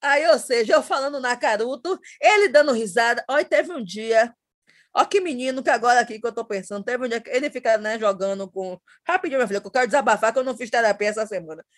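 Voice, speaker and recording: A woman guest on a podcast, telling a funny story in an animated way and laughing as she talks. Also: fairly high pitch, quick pace. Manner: animated comic storytelling, often says "my daughter". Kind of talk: casual podcast chat.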